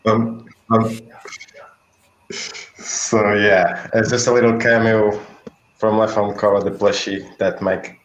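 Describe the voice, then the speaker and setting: A man with a low voice who speaks very slowly and hesitantly, with many fillers, as he draws comics on a live stream. His sound is roomy. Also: little pitch movement, a little hiss or hum. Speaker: comic artist co-host. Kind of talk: casual chat while drawing.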